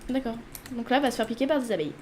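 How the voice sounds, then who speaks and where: A woman's voice: fairly high pitch, very fast, mellow, slight background noise. A woman hosting a casual life-sim let's play, chatting away and talking to her character as she plays. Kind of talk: casual gameplay commentary.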